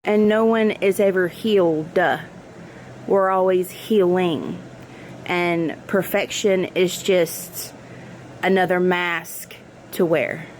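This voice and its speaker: A woman giving an earnest, reflective spiritual monologue in halting phrases, as in a personal vlog. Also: on the low side, steady tone, a little mellow, a little hiss or hum. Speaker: spiritual vlogger.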